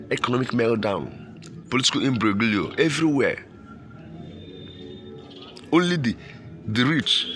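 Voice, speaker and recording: A man's voice: medium pitch, pushed and bright. A man with a Nigerian accent giving impassioned political commentary, emphatic, repeating phrases and posing rhetorical questions.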